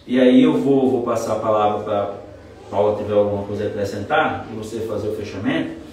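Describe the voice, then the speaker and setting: Speaking briskly in a fairly low, slightly mellow voice, a forties-aged trial lawyer and mentor holds forth in a casual interview chat, expansive and self-assured. The distant mic in an echoey room catches slight background noise.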